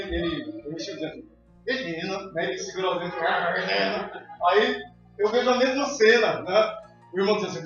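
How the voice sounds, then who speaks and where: A pastor preaches with a strikingly high voice and emphatic appeals to the congregation. The sound is heavily echoey, heard from some distance through a dull recording with faint music underneath. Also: male voice, fairly bright tone. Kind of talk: sermon. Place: church hall.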